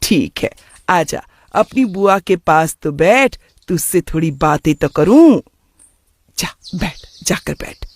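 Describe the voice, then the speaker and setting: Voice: mid-range voice, lively intonation, takes it slowly, dry recording. A doting middle-aged aunt, voiced by a narrator in a cartoon moral story. She chats fondly and keeps drifting into memories. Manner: affectionate, nostalgic chatter.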